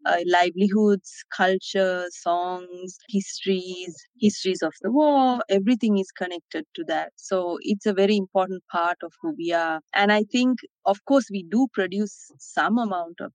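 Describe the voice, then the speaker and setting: A woman's voice: medium pitch, no echo, rough recording. A woman from Sri Lanka speaking as an interview guest, explaining her points thoughtfully and often checking in with "right?". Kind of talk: conversational interview.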